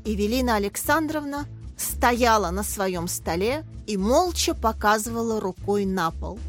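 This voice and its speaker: A woman narrating a children's story in a lively, expressive manner. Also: mid-range voice, a little slow, soft background music. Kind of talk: storybook reading.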